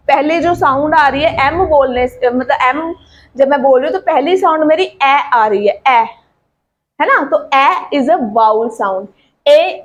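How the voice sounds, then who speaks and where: Woman, English teacher, high voice, unhurried, repeats and quizzes the class. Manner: explains slowly, repeats points, asks the class questions. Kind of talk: classroom grammar lesson.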